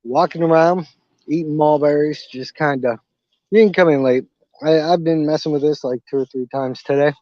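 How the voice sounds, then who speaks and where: A man's voice: a little high, a little fast, no echo. A man in his thirties, host of a gardening channel, chatting casually on a phone live stream as he walks around his garden. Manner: relaxed, rambling, chews fruit while talking. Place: outdoors in a home garden. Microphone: phone held in hand. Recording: dull lo-fi phone audio, dry.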